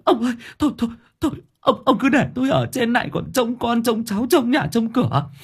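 A man's voice: animated, racing, dark tone, breathy edge, full character voice. A man voicing an old village widow who wails and stammers over her husband's coffin. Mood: wailing. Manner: shrill sobbing lament, stammering repeats.

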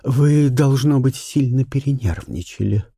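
Man doing a gentle lady of rank, soft, measured and mellow. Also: medium pitch, creaky, breathy edge, no echo, clean studio sound. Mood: soothing. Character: kind aristocratic viscountess, soothing and motherly. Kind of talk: audiobook character reading.

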